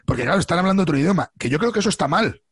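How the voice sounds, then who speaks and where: A man from Spain with a Spanish accent, chatting casually as a podcast co-host, opinionated and animated, often adding "¿sabes?". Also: high-pitched, very fast, husky, no echo, studio quality. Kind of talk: casual chat.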